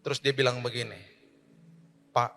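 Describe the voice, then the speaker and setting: A man pastor preaching a sermon, swinging from loud emphatic declarations to quiet storytelling. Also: fairly high pitch, fairly quick, big-room sound.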